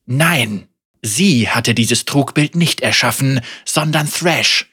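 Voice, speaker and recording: A male audiobook narrator reading a grim fantasy tale at an unhurried, deliberate pace. His voice is bright and forward, with a husky grain running through it. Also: mid-range voice. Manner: slow, measured and dramatic. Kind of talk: scripted story narration.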